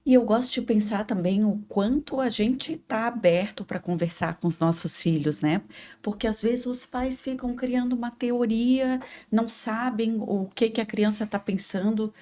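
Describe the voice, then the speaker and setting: A woman's voice: on the high side, normal speed, dark tone. Lady on a panel, thoughtful, chatty. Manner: reflective, addresses the listener as "tu". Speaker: panelist, parent. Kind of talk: casual panel discussion.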